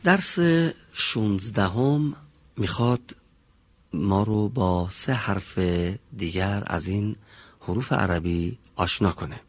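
Low husky male teacher. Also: no room sound. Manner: patient, deliberate, demonstrates sounds slowly. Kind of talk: classroom pronunciation lesson. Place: classroom with pupils.

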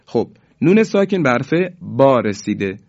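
A man teaching Quran recitation rules to listeners, explaining patiently and slowly drawing out the example words as he recites them. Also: mid-range voice, very animated, a little mellow, muffled recording. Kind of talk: tajweed lesson for listeners.

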